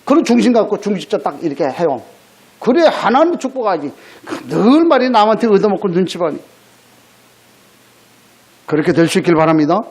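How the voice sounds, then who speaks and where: High-voiced animated preaching man. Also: brisk, pauses often, slightly rough. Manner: conversational preaching, rhetorical questions, blunt scolding asides. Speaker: pastor. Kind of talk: sermon. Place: church sanctuary.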